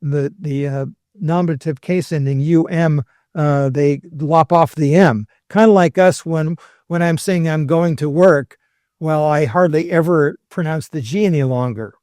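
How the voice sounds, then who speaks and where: A man's voice: fairly high pitch, a little slow, a little mellow, dry recording, clean studio sound. A man speaking as a historian guest on a podcast, explaining in a conversational lecture style with wry humorous asides.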